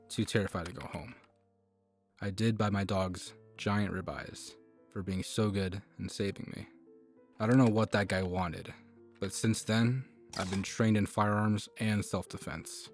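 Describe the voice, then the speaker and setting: A man reading a first-person horror story aloud as scripted narration, in an even, measured way. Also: lowish voice.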